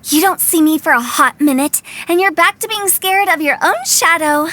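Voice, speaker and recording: A woman's voice: very high-pitched, moderate pace, pushed and bright. A woman voicing a mischievous young female funeral director in a video game, teasing and sing-song in manner.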